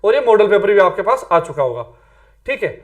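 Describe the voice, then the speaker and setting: High-voiced chatty man teaching. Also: very animated, brisk. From Rajasthan, India. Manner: chatty, repeats "theek hai", mixes English words. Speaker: exam coaching teacher. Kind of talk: casual Hindi exam-prep lecture.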